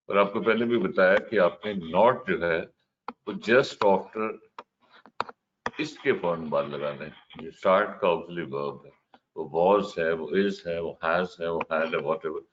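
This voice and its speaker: A man's voice: low voice, fairly bright tone. A man teaching an English grammar lesson, explaining step by step and putting questions to his class. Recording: dull, slightly noisy lo-fi recording.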